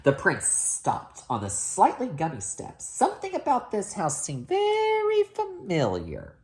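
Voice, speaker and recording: A woman's voice: medium pitch, wildly swooping pitch, measured pace, a little mellow. A woman reading a children's story aloud expressively as a storyteller.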